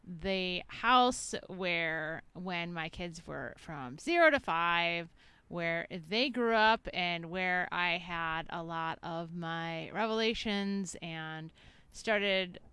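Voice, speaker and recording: A woman's voice: lowish voice, bright, forceful tone, clear, resonant tone, no room sound. A woman chatting in a rambling, playful way while she walks outside past a house, filming herself on a handheld camera. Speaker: author vlogger. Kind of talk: casual walking vlog. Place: outdoors by a house in spring. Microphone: handheld camera or phone.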